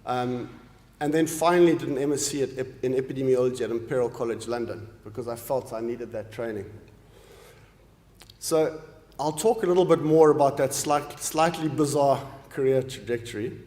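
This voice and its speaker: A man in his late forties from Zimbabwe delivers a formal lecture in an earnest way, pausing on ums and restarting his phrases. His voice sits at an ordinary middle pitch. The sound is roomy, with a long reverb from a large hall. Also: mellow. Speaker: professor giving an inaugural lecture.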